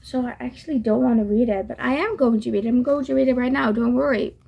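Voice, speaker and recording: A woman's voice: a little high, quick pace, creaky, husky, highs cut off. A woman chatting casually to her viewers in a reading vlog, gushing and repeating herself to reassure them. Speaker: book vlogger.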